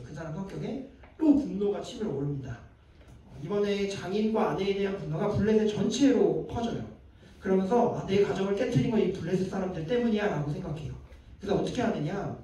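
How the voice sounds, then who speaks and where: A man's voice: high-pitched, warm tone. A male pastor preaching to a young adults group, chatting with the audience, putting questions to them and acting out the lines he quotes. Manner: conversational, quizzes the audience and acts out quoted lines. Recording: echoey room heard from a distance.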